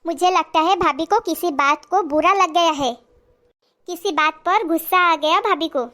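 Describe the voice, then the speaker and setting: A woman's voice: very high voice, moderate pace, sharp tone. A woman playing a chatty married daughter who is visiting her family home, in a comedy skit. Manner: chatty, coaxing.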